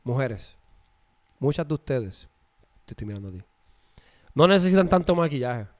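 A man's voice: mid-range voice, very animated, normal speed, a little mellow. A young man with a Puerto Rican accent, co-hosting a casual chat and dropping English words into his Spanish. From Puerto Rico. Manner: chatty, mixes English words into his speech. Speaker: podcast co-host.

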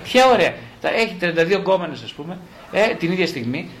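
Male psychologist, wry storyteller, voice sits a little high, faint hiss behind. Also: low-quality recording. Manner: animated storyteller who acts out patients' lines; wry and mocking. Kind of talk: conversational explanation in an interview.

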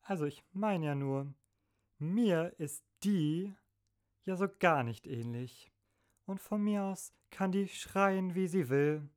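A woman plays a part in a satirical stage comedy. She talks slowly in a low voice, dry and a little complaining. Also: a little mellow.

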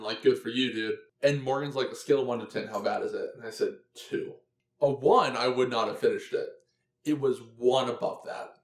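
A man tells a rambling story with jokes as he co-hosts a casual podcast. His voice sits in a middle range. The sound has a noticeable room echo. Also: mid-range voice. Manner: storytelling, joking, quick to laugh. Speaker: podcast co-host. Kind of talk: casual chat.

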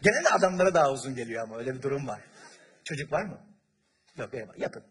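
A man's voice: medium pitch, racing, a crowd in the background. A man from Turkey performing stand-up comedy on a large theater stage, telling stories with acted-out voices and chatting with the audience. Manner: animated storyteller, acts out voices, chats with the audience. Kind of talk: stand-up comedy with crowd work.

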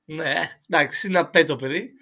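A man chatting casually as a podcast co-host, thinking aloud with many pauses and fillers. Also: on the high side, bright, forceful tone. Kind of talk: casual basketball chat.

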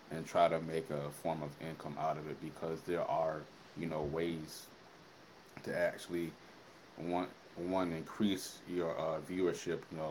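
Man, 20s, very low voice, casual podcast co-host, loose and filler-heavy, faint hiss behind. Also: rough recording. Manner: relaxed, rambling with many fillers. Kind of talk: casual chat.

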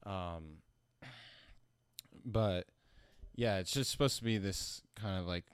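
A man who sounds high, talking casually about his music in a rambling, slangy, profane stoner manner. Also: slow, clean tone, no room sound. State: high from smoking. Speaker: musician being interviewed about own album. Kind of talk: casual chat.

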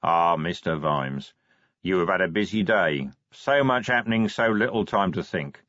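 A man doing a slow, deep, enigmatic sage. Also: lively intonation, fairly bright tone, dry recording. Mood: calm. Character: calm mysterious male sage, slow and knowing. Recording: dry, slightly dull audiobook sound.

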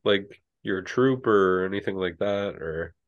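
A man running a tabletop game as game master, narrating in an unhurried way with many fillers. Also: sits low, dull audio.

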